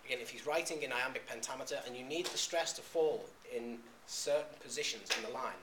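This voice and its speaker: A male lecturer speaks at a middling pitch, stopping often on "um" and restarting his sentences. The recording is echoey, with a faint hum of room noise behind him. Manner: halting, frequent "um"s and restarts. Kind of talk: classroom lecture. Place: classroom.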